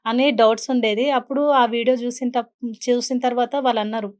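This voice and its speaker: A woman's voice: on the high side, flat delivery, fast talker, a little mellow. A woman guest on an interview show, earnestly telling a personal story and mixing in English words. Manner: earnest, mixes English words into her speech.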